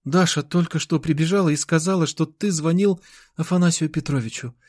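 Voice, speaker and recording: A man voicing a gentle young woman who speaks softly and tenderly, in an audiobook. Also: fairly high pitch, brisk, dry recording, studio quality, voice pushed up, natural voice. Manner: soft, tender.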